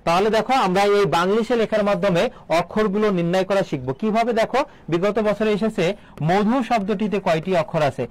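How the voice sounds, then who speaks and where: A man's voice: sits high, brisk, no echo, poor audio. A male teacher giving an online admission-prep lecture. He asks the students rhetorical questions, answers them himself, and mixes English words into his explanations.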